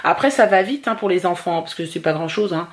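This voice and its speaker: A woman chatting casually about daily family life as a vlogger, with a gravelly, creaky voice. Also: lowish voice, expressive, fairly quick. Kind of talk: casual vlog chat.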